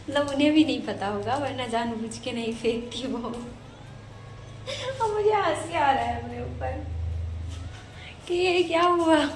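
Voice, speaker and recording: A woman's voice: sits high, expressive, unhurried, a little mellow, slight background noise. A young woman narrating her day in a casual, rambling vlog, chatty and self-mocking. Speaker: vlogger, exam student.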